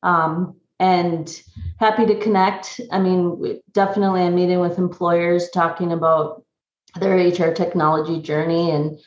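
A woman with a lowish voice, a consultant guesting on a podcast interview. She speaks in a measured way with frequent pauses and ums. Her audio sounds roomy and dull, like a remote call. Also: level tone. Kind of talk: casual interview chat.

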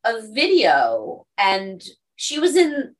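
Chatty laughing woman, bright distant voice. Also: a little high, wildly swooping pitch, slow. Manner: chatty storyteller, laughs often. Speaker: podcast host. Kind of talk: casual conversational interview.

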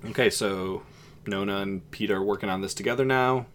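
Male podcast host, casual chat: deep voice, faint background noise. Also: moderate pace.

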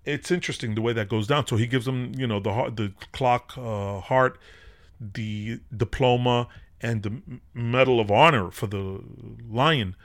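A man's voice: medium pitch, moderate pace. Rambling man retelling a story casually. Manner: rambling, loose, with many fillers and restarts. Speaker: podcast host. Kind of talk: casual retelling of a film with spiritual commentary.

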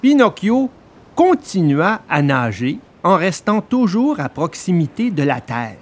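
A man narrates a children's tale in an expressive, dramatic manner. His voice sits a little high and swings widely in pitch. He takes his time, with an unhurried pace. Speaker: storybook narrator. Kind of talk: scripted storybook narration.

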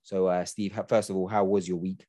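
A man's voice: sits low, little pitch movement, brisk, dark tone, dry recording, studio quality. A young man, hosting a podcast in casual, slangy chat. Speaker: podcast host.

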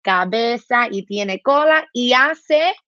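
A woman's voice: a little high, lively intonation, slow, pushed and bright, dry recording, muffled recording. A woman speech therapist explaining simple activities, slipping English words into her Spanish and imitating animal sounds. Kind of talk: explaining to a host.

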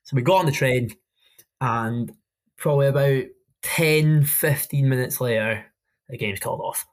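A young adult man with a Scottish Highland accent, chatting casually about sport in a colloquial, matey storytelling way as a podcast co-host. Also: measured pace. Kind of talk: casual football chat.

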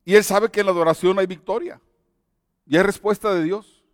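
High-voiced preacher. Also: male voice, fairly even intonation, brisk, no echo, studio quality, long reverb tail. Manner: earnest, exhorting. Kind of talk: sermon with personal testimony.

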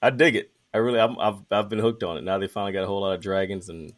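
A man's voice: fairly low pitch, fairly even intonation, very fast. A man hosting a podcast in casual, informal talk full of slang. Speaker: podcast host. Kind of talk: casual chat.

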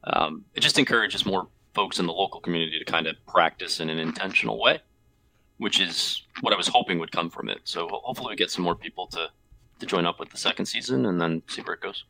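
A man's voice: low-pitched, quick pace, gravelly, sharp tone, low-quality recording. A man co-hosting a podcast, talking casually and repeating himself as he explains things. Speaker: podcast co-host. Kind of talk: casual chat.

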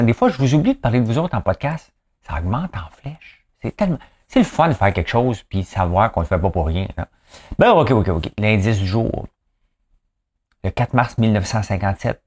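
A man with a Quebec French accent talking to the camera in a rambling, joking, self-mocking way. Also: mid-range voice. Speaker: vlogger. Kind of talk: casual solo commentary to camera. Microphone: camera mic.

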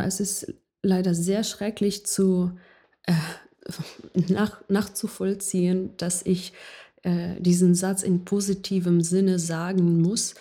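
A woman from Ukraine with a Ukrainian accent, a jazz singer answering interview questions haltingly, often searching for words. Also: fairly low pitch, mellow.

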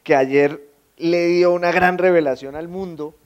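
A man with a Colombian accent, a writer talking in conversation, halting and repeating words, making wry asides. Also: fairly high pitch, steady tone, lo-fi sound. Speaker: writer, guest. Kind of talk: conversational discussion.

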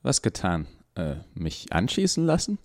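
A man's voice: deep voice, huge pitch swings, unhurried, no room sound, clean studio sound, heavily acted. A man playing an awkward, evasive male research doctor who hesitates with many ums.

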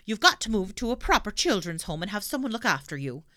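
A woman's voice: mid-range voice, very animated, fast, pushed and bright, no room sound, clean studio sound. A woman voicing a stern grown-up policeman who lectures a child in a patronizing way.

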